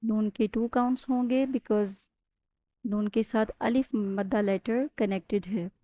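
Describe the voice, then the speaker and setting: A woman from Pakistan, teaching Quran recitation step by step. She explains patiently, often checks in with the learner, and slowly chants Arabic words as models. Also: medium pitch, steady tone, warm tone. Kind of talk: step-by-step Tajweed lesson.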